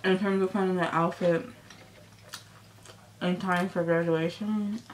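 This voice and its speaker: A woman's voice: fairly low pitch, fairly even intonation, a little slow, a little hiss or hum, low-quality recording. A young woman chatting casually to viewers while chewing, mouth full of food, rambling in a friendly, talkative way. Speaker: vlogger. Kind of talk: casual mukbang chat. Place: indoors, filming herself eating.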